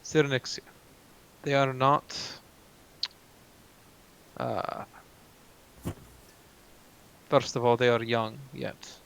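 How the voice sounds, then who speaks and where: A man's voice: medium pitch, steady tone, extremely slow, gravelly, pauses often, fairly bright tone, clean tone, poor audio. A man arguing persuasively in character during a tabletop game on a video call. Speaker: player. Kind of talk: in-character tabletop role-play.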